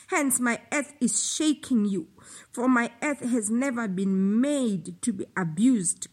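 A woman delivering a slow, solemn prophetic utterance, with passages of speaking in tongues between declamatory lines. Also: fairly high pitch. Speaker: prophetic preacher.

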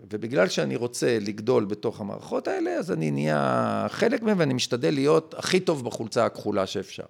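Man, gravelly voice, lively pitch, emphatic lecturing guest. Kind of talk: conversational explanation.

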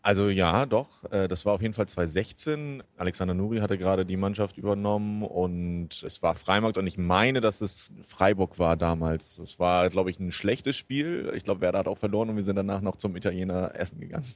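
A man's voice: sits low, brisk, few pauses, dry recording. A man in his thirties from Bremen, chatting in an outdoor interview with many fillers and restarts. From Bremen, Germany. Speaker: interviewee, football fan. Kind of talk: casual interview. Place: outdoors at a stadium.

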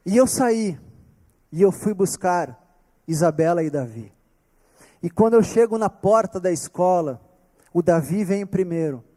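High-voiced Brazilian pastor telling a story. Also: male voice, animated, warm tone. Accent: Brazilian Portuguese. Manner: earnest storytelling, slowing down for emphasis. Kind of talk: storytelling sermon.

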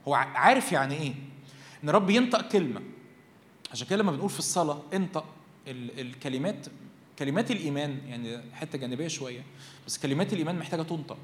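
A young man with an Egyptian accent preaches to a youth gathering, quick and animated, often turning questions back on his listeners. His voice sits high and moves fast. The sound carries the long reverb of a church hall. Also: a little hiss or hum. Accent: Egyptian Arabic. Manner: animated, asks the crowd questions and acts out voices. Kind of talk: lively Egyptian Arabic sermon.

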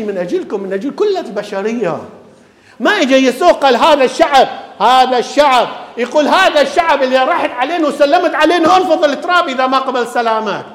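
An Iraqi priest delivers an animated sermon, firing off rhetorical questions and acting out the people in his stories. His voice sits very high for a man. The long reverb of a large church hall hangs on every phrase. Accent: Iraqi Arabic.

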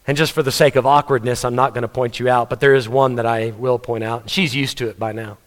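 A man's voice: medium pitch, steady tone, fast. A man preaching a sermon, telling stories and putting questions to the congregation. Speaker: pastor. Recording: reverberant church hall.

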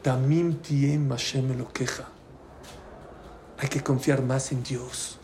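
A man's voice: medium pitch, little pitch movement, slow, darkish tone, a little hiss or hum. A man, a rabbi giving a storytelling sermon who keeps asking his listeners questions. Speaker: rabbi teaching a Torah class.

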